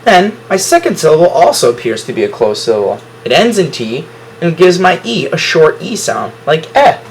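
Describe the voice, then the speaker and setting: Lively encouraging male teacher. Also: fairly high pitch, normal speed, a little hiss or hum, low-quality recording. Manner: encouraging, praises students often. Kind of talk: classroom phonics lesson. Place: classroom.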